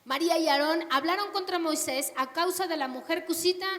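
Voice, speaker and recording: Brief: storytelling woman preacher, high-pitched, recorded with a long hall reverb. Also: fairly quick. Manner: animated storytelling with rhetorical questions. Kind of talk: sermon.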